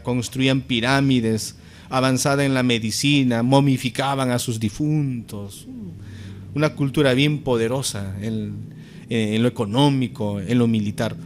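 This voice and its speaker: A man preaching a sermon as pastor, talking earnestly to his congregation and building to emphatic peaks. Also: medium pitch.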